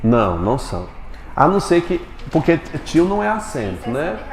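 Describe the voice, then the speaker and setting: A man's voice: a little high, sing-song. Man teaching a class in an echoey room. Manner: quizzing students with rapid questions. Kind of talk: classroom Portuguese lesson.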